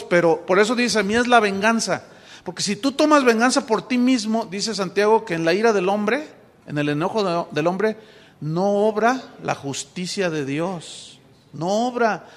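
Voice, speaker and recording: A man's voice: high voice, a bit bright, in a large hall. A man who is a pastor, preaching a sermon and telling a personal story, acting out the dialogue, with many restarts.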